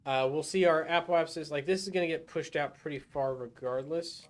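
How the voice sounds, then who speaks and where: Guy streaming a space game, kinda high voice, muttering to himself as he plays. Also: brisk. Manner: thinks aloud, talking himself through each step; self-muttering with fillers and restarts. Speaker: gaming livestreamer. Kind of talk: casual live gameplay commentary.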